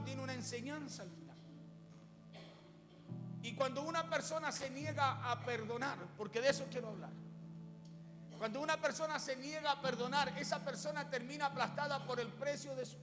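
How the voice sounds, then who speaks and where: A man's voice: very high-pitched, moderate pace. A male pastor telling a fable in his sermon, often speaking straight to his listeners. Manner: storytelling, addressing the congregation directly. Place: church. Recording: echoey hall with music.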